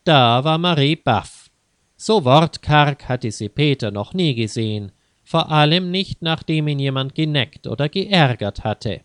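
A man reading a children's story aloud in a calm, measured way, close to the mic. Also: on the high side, clear, resonant tone, dry recording. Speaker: narrator.

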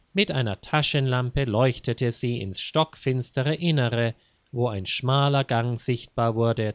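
Slow, calm male storybook narrator. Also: medium pitch, dry recording. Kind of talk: audiobook narration.

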